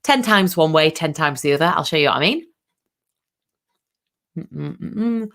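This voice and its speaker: A woman vocal coach leading an online workshop, giving direct, lively instructions and demonstrating as she goes. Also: low-pitched, fast talker.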